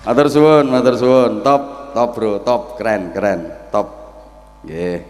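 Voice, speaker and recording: A man preaching a joking, lively sermon to a village gathering through a microphone. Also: medium pitch, measured pace. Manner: joking, lively storytelling to the crowd. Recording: reverberant PA with faint noise.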